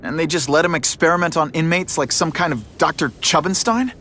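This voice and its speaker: An actor playing a young, earnest superhero in a video game, quippy and sarcastic but morally firm. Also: male voice, a little high, brisk, bright, forceful tone, a little hiss or hum. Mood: questioning. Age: young adult. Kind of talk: animated video game hero acting.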